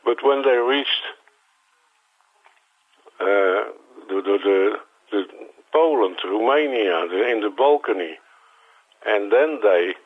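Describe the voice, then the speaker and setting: Speaking by telephone as an interview guest, this native Dutch speaker from the Netherlands, in his sixties, has a lowish voice with lively intonation and a Dutch accent. He answers haltingly, with frequent repeats and restarts, and the line sounds tinny.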